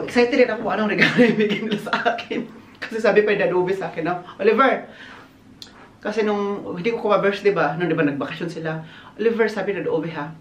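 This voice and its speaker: A man chatting casually in a birthday vlog, animated and laughing often, slipping English phrases into his talk. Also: high voice. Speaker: vlogger. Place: outdoors on a windy day. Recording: echoey, roomy sound.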